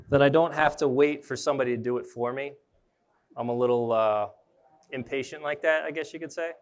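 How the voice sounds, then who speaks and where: Smooth-voiced young man demonstrating tree rigging. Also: medium pitch, moderate pace, long pauses. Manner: casual, thinks aloud while working with gear. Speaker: arborist trainer. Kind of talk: live demonstration talk. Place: indoor trade show booth with a mock tree.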